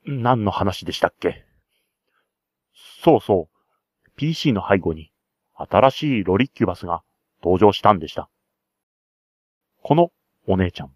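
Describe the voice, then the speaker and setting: A man's voice: lowish voice, sing-song, measured pace, long pauses, no echo, clean studio sound. A man acting as game master, narrating a tabletop role-play scenario with chatty, enthusiastic side remarks.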